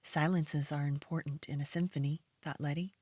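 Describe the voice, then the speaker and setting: A woman reading aloud to young children as a preschool storytime host, in an expressive storytime voice. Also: low voice, no echo, clean studio sound. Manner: storytime voice, slow and expressive with acted animal and object sounds.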